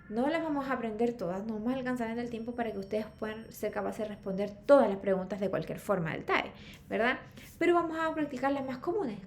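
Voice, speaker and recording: A woman's voice: high voice, slight background noise. A woman teaching an English class, checking in constantly with her students. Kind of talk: online class lecture.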